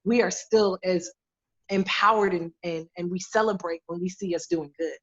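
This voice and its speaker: A woman's voice: on the low side, steady tone, normal speed, highs cut off. A woman beauty editor answering interview questions in an emphatic, conversational way, repeating her key words.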